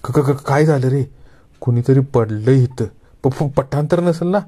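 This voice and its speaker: A man's voice: mid-range voice, flat delivery, moderate pace, warm tone, lightly acted. A man voicing a timid young village man in a story, speaking with a panicky stammer. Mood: stammering terror.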